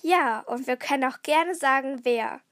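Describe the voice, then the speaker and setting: A woman's voice: sits high, a little slow, fairly bright tone, no room sound, studio quality. A woman voicing a bold, cheerful boy detective who sounds confident and upbeat. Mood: delighted.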